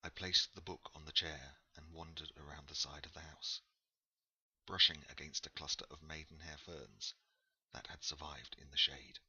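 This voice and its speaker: A man narrating a novel in a measured, unhurried storytelling manner. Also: a bass voice, fairly even intonation, bright, forceful tone, husky, muffled recording. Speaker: audiobook narrator. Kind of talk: scripted narration.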